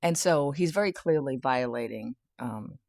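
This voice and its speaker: A woman's voice: very deep voice, expressive, normal speed, vocal fry, darkish tone, no echo, studio quality. A woman giving a casual satirical monologue about the news, often breaking into laughter and talking with sardonic glee. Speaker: tarot and spirit-guide commentator. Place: home, near a garage.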